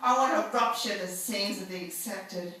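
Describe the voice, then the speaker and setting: A woman performing a spoken-word poem live, defiant, crude and emphatic, now and then rising to shouts. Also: mid-range voice, moderate pace, recorded from a distance, slight background noise. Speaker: poet. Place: live event venue. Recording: echoey room, mic from afar.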